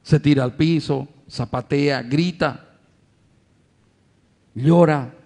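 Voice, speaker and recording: A man's voice: a little high, takes it slowly, mellow. A male pastor preaching a sermon to his congregation, addressing them as brothers, asking rhetorical questions and acting out everyday family scenes.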